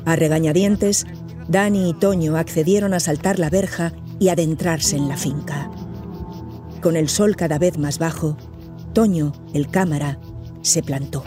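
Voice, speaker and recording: A man narrating an audio drama in a measured storytelling manner. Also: a little high, over music. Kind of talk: scripted narration.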